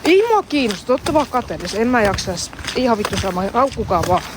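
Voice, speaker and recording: A woman's voice: on the high side, big pitch swings, heavy background noise. Heated swearing woman streamer outdoors. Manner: heated, profane, argues with chat. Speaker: live streamer. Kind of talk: casual live-stream talk to chat. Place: outdoors in a public place.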